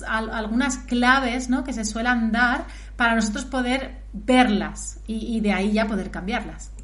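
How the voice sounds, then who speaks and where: A woman's voice: on the high side, a bit bright. Woman interviewer asking questions. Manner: hesitant, rephrases while asking.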